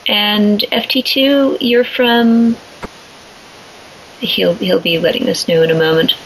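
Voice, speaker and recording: A woman's voice: medium pitch, slow, fairly bright tone, a little hiss or hum, low-quality recording. Woman hosting a call-in panel. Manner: conversational, guiding questions. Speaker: podcast host. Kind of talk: moderating a panel discussion.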